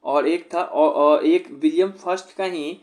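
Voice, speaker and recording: A man's voice: a little high, steady tone, unhurried, darkish tone. Male tutor quizzing a student. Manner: repetitive, quizzing the student, mixing in English phrases. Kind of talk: informal one-on-one history lesson.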